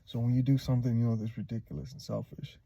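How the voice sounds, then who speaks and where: A man talks to his viewers in a deep, mellow voice with a husky, breathy edge. He speaks haltingly and somberly, stopping often and filling the gaps with hesitations. He sounds like a father sharing a hard personal memory. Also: level tone, no room sound, highs cut off. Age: adult, a father. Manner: halting, somber, many pauses and fillers. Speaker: vlogger. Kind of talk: personal recollection to camera.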